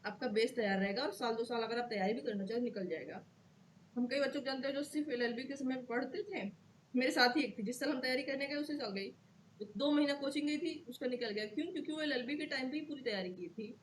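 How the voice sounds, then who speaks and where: Woman law tutor, fairly high voice, patient step-by-step lecture, keeps checking "okay". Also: fast talker, slight background noise. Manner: checks in often with "okay", repeats key terms. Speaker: law teacher. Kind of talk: explanatory lecture to students.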